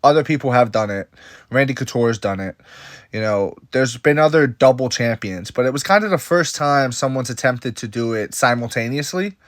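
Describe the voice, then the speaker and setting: A man giving a casual, opinionated MMA commentary who talks in an animated way and repeats his points. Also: medium pitch, moderate pace, no room sound, studio quality.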